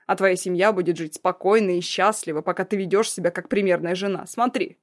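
A woman voicing a cruel young man, a blackmailing ex-fiancé, in a loud, mocking, threatening way. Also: lowish voice, steady tone, brisk, lightly acted. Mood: menacing.

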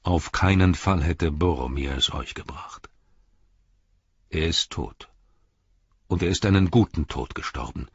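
A man reading an audiobook and voicing a wise old wizard who speaks in a grave, measured way. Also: deep voice, slightly rough, dry recording, lo-fi sound, heavily acted.

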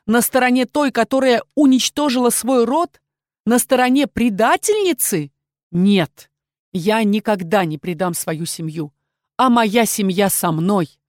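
A woman voicing a calm, proud female shadow-dragon in an audiobook, speaking in a steady, dignified way. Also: a little high, a little slow, no room sound, studio quality.

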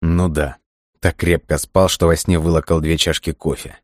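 Hotheaded young thug yelling abuse, narrator puts him on, low voice, dry sound. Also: male voice, level tone, moderate pace, no echo. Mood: grumbling. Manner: swears, yells abuse. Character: hot-tempered young gangster man, crude and loud.

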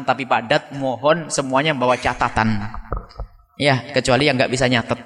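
Animated preacher in a reverberant hall. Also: male voice. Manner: animated, rising to high emphatic peaks then dropping to asides. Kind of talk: sermon.

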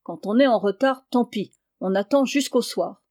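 A woman's voice: a little high, normal speed, darkish tone, lightly acted. A woman reading the part of a stern, harsh peasant father who scolds and mocks his sons. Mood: scolding. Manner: gruff, scolding, mocking.

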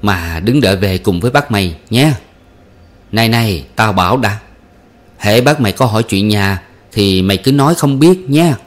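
A man voicing a weary young wife in a storybook reading, giving hushed, firm instructions. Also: lowish voice, animated, moderate pace, lightly acted. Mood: instructing.

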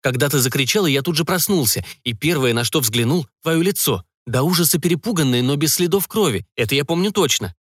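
A male narrator voicing a shy, earnest young man in an audiobook, speaking a touch higher than his own voice. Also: lively intonation, brisk, few pauses, dry recording, clean studio sound. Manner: hesitant and earnest. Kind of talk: audiobook reading.

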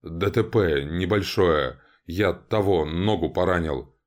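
A man's voice: deep voice, slow. A man voicing a flustered young man who stammers and mumbles, in an audiobook.

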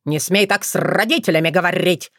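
A woman's voice: lowish voice, a little fast, fairly bright tone, no echo, studio quality, natural voice. A woman voicing a blustering, bossy crow father who barks at his family, in a storybook reading. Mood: angry. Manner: barking.

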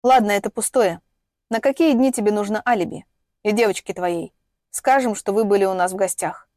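A woman's voice: mid-range voice, fairly quick, darkish tone, dry recording, clean studio sound, lightly acted. A woman voicing a stern, curt middle-aged father in an audiobook reading. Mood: calm, practical. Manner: curt, scolding.

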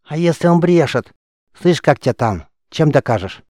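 A man's voice: on the high side, expressive, normal speed, a little mellow, no room sound, clean studio sound, voice pushed up, close to an everyday voice. A man voicing a cheeky small street boy who mocks and squabbles in slang, in an audiobook. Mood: indignant.

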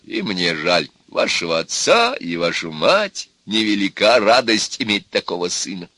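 A man voicing a stern, excitable old grandfather who lectures and exclaims. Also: low-pitched, unhurried, no echo, full character voice.

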